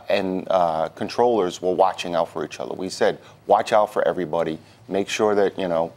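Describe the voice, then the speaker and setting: A union president with a low, darkish voice is interviewed as a guest on a news broadcast. He answers like an organization's representative, speaking haltingly and often repeating a word before moving on.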